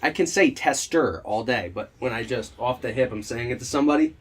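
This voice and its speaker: A man's voice: medium pitch, quick pace, husky. A young man with a New Jersey accent, chatting casually as a podcast co-host in a laid-back, joking way. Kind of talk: casual chat.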